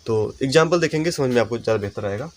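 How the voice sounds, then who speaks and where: Man teaching grammar, dictating slowly. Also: medium pitch, animated, slight background noise. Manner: explains step by step, slows to dictate example sentences. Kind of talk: Hindi-language classroom lesson.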